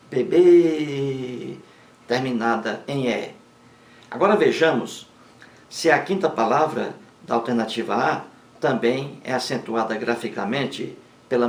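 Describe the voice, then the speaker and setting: A man teaching grammar in a slow, deliberate lesson, repeating words for emphasis. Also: mid-range voice, roomy sound.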